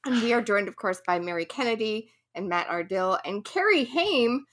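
A woman's voice: mid-range voice, lively intonation, moderate pace, a bit bright, a little hiss or hum. A woman co-hosting a podcast, giggly and steering the casual group chat. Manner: giggly, leads the conversation. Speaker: podcast co-host.

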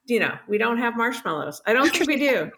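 A woman co-hosting a podcast, joking with deadpan comic bits. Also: a little high, a little fast, background noise. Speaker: podcast co-host. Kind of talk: casual group chat.

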